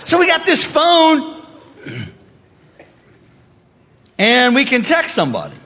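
A man preaching a sermon as pastor, talking in a lively, conversational way with humor and rising emphasis. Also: very high voice, takes it slowly. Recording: reverberant hall.

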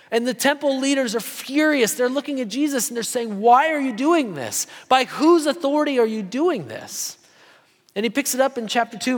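Brief: male preacher, high voice, chatty sermon delivery, echoing church hall. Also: a bit bright. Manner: conversational, often asks "right?". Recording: long hall reverb.

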